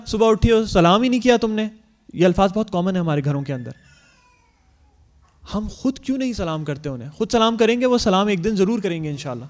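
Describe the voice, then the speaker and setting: A man with a notably high-pitched voice talks earnestly to parents about bringing up young children. He explains point by point and often slips English words into his sentences. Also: a little mellow. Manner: acts out parents' quoted lines. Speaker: speaker on Islamic parenting. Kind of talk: advice talk to parents.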